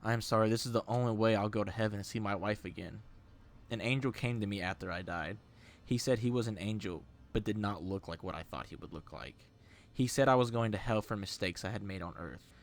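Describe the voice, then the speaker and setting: Guy doing a sad old ghost grandpa, pleading and sorry, lowish voice, horror story. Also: a little fast, lightly acted. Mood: remorseful. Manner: pleading, apologetic.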